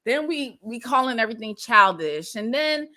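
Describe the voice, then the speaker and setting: A woman co-hosting a casual recap chat, animated and laughing often as she reads comments from the live chat aloud. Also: a little high, normal speed. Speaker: co-host of a reality TV recap channel.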